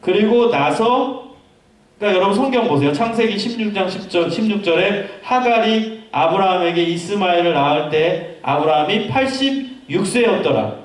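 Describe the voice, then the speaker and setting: The recording catches a pastor from a distance in a reverberant church hall as he preaches to young people. He speaks high-pitched and expressive at a moderate pace, weaving stories and asking the congregation questions.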